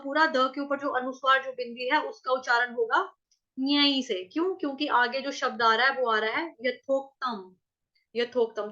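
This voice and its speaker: A woman teaching Sanskrit verse pronunciation, sounding out syllables slowly and asking and answering her own questions. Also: sits high, sharp tone. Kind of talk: pronunciation lesson, slow syllable-by-syllable chanting. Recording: dull lo-fi recording.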